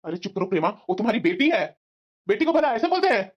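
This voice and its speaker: A woman voicing a gruff middle-aged father in a cartoon family story who spoils his daughter and scolds the household. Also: mid-range voice, sing-song, quick pace. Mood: scolding. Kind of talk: cartoon voice acting. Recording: muffled lo-fi.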